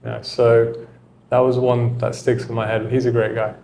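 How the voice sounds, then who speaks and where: A man's voice: medium pitch, little pitch movement, moderate pace, creaky, dark tone, slight background noise. Reflective male coach in casual interview. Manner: reflective, loose with filler words. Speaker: tennis coach and mentor, guest.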